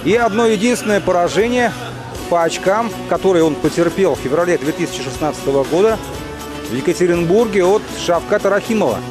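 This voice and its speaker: A man giving live boxing commentary in measured, short phrases with pauses. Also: high voice, animated, over music.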